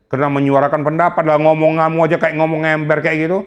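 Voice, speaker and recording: A man's voice: fairly high pitch, level tone, fast talker, muffled recording. An older man, a retired general, speaking in an interview with indignant, scolding emphasis. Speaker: retired police general, guest. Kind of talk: heated interview talk.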